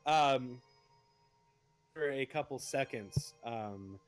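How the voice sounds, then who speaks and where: A man's voice: mid-range voice, animated, a little slow, fairly bright tone, soft background music. A young man narrating a tabletop game as dungeon master, hesitant and full of fillers. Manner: hesitant, full of ums and uhs.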